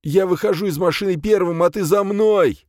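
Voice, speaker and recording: Man playing a greedy armed driver, barking, raised pitch, dry close sound. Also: sing-song, fairly quick, darkish tone, no room sound. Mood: menacing. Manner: barking orders. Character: greedy armed male taxi driver, menacing.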